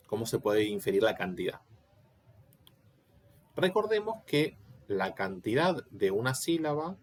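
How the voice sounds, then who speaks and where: A man giving an online Latin class, explaining step by step and often checking that students follow. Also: mid-range voice. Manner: patient, explanatory, asks checking questions. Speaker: Latin teacher.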